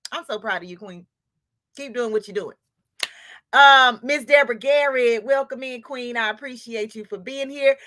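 Woman host, bright tone and dry close sound, chatty and loose, greeting livestream viewers. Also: fairly high pitch, no echo. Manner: chatty, laughing, scattered, addresses viewers as queen. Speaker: livestream host of a sewing channel.

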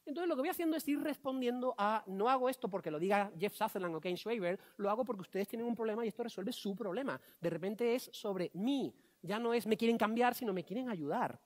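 Fast-talking joking conference speaker. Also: male voice, sits high. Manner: joking, animated, quick asides. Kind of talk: conference talk.

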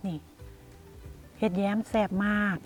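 A woman's voice: a little slow, faint music behind. A woman with an Isan accent, chatting casually to her viewers as she vlogs outdoors in the countryside. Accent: Isan (Northeastern Thai). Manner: chatty, addresses viewers as "brothers and sisters". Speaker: vlogger.

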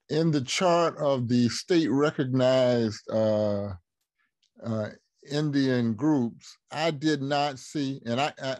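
A man's voice: medium pitch, darkish tone, no room sound. A man on a video call puts a question to the speaker, polite and hesitant. His voice sits in the middle range, with a dry, close sound. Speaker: audience member asking a question.

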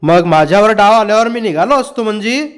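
Male reader doing a cheeky ten-year-old village boy for an audiobook, high and brash. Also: lively intonation, fairly quick, clear, resonant tone. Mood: eager.

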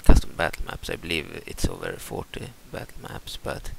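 A young Swedish man with a Swedish accent hosts a gaming channel, walking through a game mod in a casual, hesitant way full of fillers and restarts. His voice is a rumbling low, gravelly and very animated, delivered at normal speed. The recording is very noisy.

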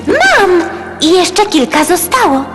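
Very high, sassy young cartoon agent. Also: female voice, very animated, measured pace. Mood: disgusted. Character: sassy young female agent, bubbly and squeamish. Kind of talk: animated cartoon dub acting. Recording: long reverb, loud music bed.

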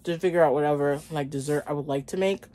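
A woman's voice: low-pitched, quick pace, mellow. A woman in her thirties chatting casually to viewers as a vlogger, chewing and eating while she talks and often saying "like". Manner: conversational, frequent "like" as a verbal habit. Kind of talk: casual mukbang chat to viewers. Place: small indoor bedroom.

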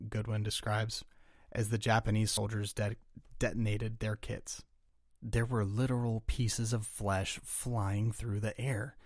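A man's voice: on the low side, dry recording, studio quality. A man hosting a history podcast, telling war accounts earnestly, tripping now and then over names and restarting phrases.

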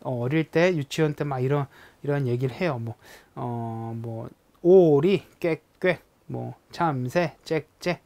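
A young adult language teacher giving a recorded lesson who explains slowly, with many hesitant fillers, and imitates sounds to illustrate words. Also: medium pitch, gravelly, mellow.

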